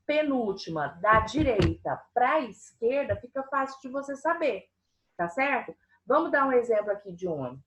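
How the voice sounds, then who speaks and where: A woman's voice: a little high, fairly bright tone. A woman teaching a primary school class online, patiently explaining and often checking that the children follow. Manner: patient, asks frequent check-in questions.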